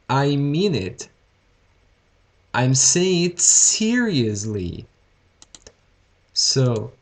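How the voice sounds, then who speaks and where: A man's voice: a little high, darkish tone. A man who speaks English with a Brazilian Portuguese accent, a native Portuguese speaker, teaching a grammar lesson to his students and repeating each point with encouragement. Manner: slow, repetitive, encouraging explanations to students. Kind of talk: live-streamed grammar lesson.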